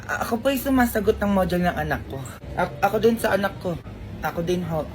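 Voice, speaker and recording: A woman's voice: mid-range voice, animated, fast talker, slight background noise. A woman acting out several roles in a comedic skit, with a playful, scolding manner. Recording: music playing behind.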